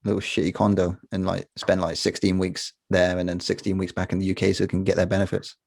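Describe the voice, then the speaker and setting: A man's voice: sits low, monotone, vocal fry, a little mellow, no echo, clean studio sound. A young Englishman telling joking stories in a casual podcast chat. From England. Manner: rapid, joking storyteller.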